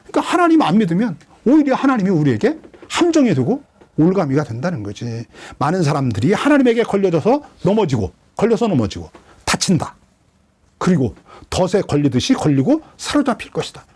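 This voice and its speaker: A male pastor with a high-pitched, husky voice and fairly quick delivery preaches an expository sermon. He's lively, keeps questioning the congregation, and performs quoted lines dramatically.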